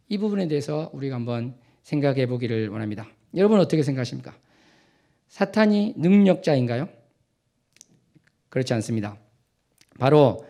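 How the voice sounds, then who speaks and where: A male pastor preaching a sermon, asking rhetorical questions to the congregation with frequent drawn-out fillers. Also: fairly high pitch, creaky, darkish tone.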